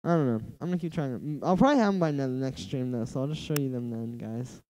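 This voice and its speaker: A young man with a nasal, mellow voice rambles casually during a livestream as he produces a track, leaning heavily on "like." He talks fast at medium pitch with lively intonation. The low-quality recording carries a little hiss or hum and faint music from the track in progress.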